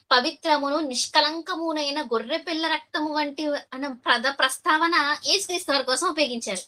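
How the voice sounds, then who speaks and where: A woman preaching a sermon, asking her listeners questions and answering them, and reading verses slowly. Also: high-pitched, sharp tone. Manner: reads verses slowly and deliberately.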